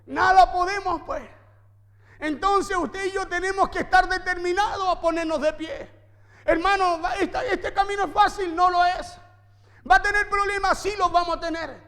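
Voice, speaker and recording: High-voiced pastor preaching. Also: male voice, steady tone, moderate pace, bright, forceful tone, in a large hall. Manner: emphatic preaching with repeated phrases and rhetorical questions. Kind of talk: sermon. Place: church.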